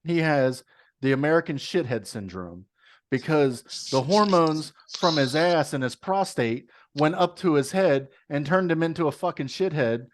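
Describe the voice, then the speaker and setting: A man co-hosting a podcast with a slight Texas twang, talking bluntly and profanely in casual chat. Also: on the high side. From moved to Texas. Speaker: podcast co-host.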